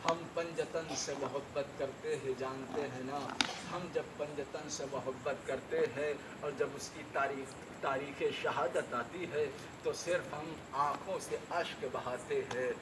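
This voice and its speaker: A man's voice: fairly high pitch, steady tone, hardly any pauses. A man, a cleric, delivering a mourning sermon to a seated gathering, declaiming in rhythmic repeated lines that swell into impassioned lament. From India. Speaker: Shia cleric (maulana). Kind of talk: majlis sermon oratory. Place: gathering where mourners sit on the ground. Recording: distant mic with loud background noise.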